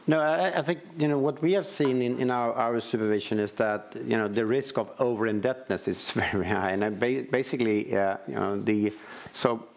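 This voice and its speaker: Halting, gravelly-voiced man on a panel. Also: mid-range voice. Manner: halting, many restarts and repeated words. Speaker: panelist, financial supervisor. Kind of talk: conference panel talk. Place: large auditorium stage with audience.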